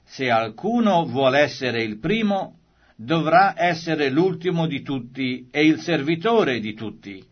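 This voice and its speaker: A man reading the words of Jesus in a solemn, measured way, as a grave and authoritative teacher. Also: fairly high pitch, expressive. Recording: slightly dull lo-fi recording.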